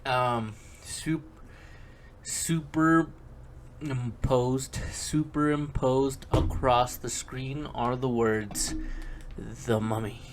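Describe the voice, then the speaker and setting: Slow-spoken man casually reading a script. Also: medium pitch, steady tone, slight background noise. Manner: rambling, chatty asides to himself, many fillers. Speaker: hobby script reader.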